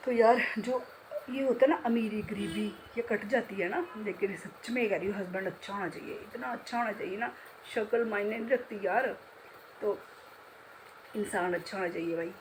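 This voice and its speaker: A woman's voice: mid-range voice, normal speed, background noise. Chatty middle-aged woman vlogging at home. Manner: chatty, laughs often, self-mocking. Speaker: vlogger, beauty salon owner. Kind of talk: casual home vlog chat.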